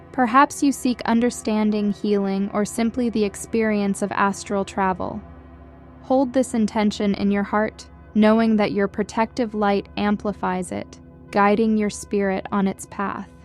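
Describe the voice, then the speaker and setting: Over background music, a woman with a mid-range voice guides listeners through a scripted meditation. Her reading is gentle, soothing, and measured.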